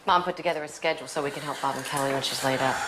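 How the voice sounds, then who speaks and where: A quick-talking, sarcastic young lawyer sister, blunt with her family. She talks fast and cuts in hard. Steady background noise sits under the film soundtrack. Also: very deep voice. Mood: arguing. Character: sharp-tongued young woman lawyer, sister.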